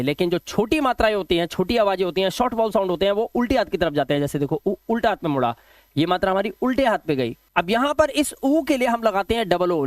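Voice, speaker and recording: A man's voice: high-pitched, no echo. A man teaching a video lesson, who asks his viewers questions and answers them himself. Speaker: English teacher. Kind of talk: classroom-style video lesson.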